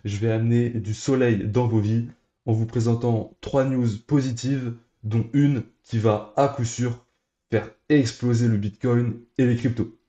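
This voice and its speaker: A man's voice: medium pitch, fairly even intonation, a little slow, mellow, roomy sound, highs cut off. A young man hosting a crypto news channel, talking straight to his viewers in an upbeat, scripted way. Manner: upbeat, direct address to viewers. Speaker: crypto YouTube host.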